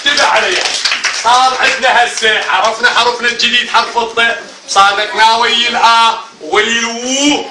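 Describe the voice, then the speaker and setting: A man with an Iraqi accent teaching a primary class, animated, drilling the children with repeated call-and-response questions and often calling out loudly. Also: very high-pitched, brisk. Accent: Iraqi Arabic. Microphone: camera at a distance. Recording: echoey classroom, mic far off, loud children and noise. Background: noisy children's chatter.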